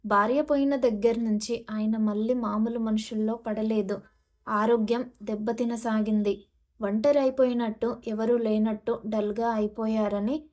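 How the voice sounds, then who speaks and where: A woman narrating a family novel in a steady storytelling read. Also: a little high. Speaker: audiobook narrator.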